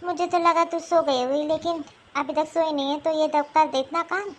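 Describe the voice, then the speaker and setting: A woman voicing a nagging, scolding old mother-in-law in an animated cartoon. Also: high voice, normal speed, a little hiss or hum, natural voice. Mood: bossy.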